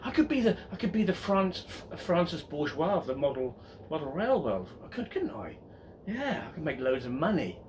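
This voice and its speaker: A man's voice: a little high, sing-song, normal speed, a little mellow, a little hiss or hum. A man vlogging about his model railway layout in a chatty, rambling way, often stopping and restarting his sentences, recorded on a tripod camera indoors. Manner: rambling, chatty, self-interrupting. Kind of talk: casual show-and-tell vlog.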